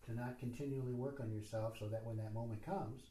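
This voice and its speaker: A man's voice: mid-range voice, fairly even intonation, fairly quick, warm tone, a little hiss or hum. A man leading a spiritual retreat session, talking informally and rambling with many fillers and self-deprecating asides. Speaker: retreat teacher. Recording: roomy echo.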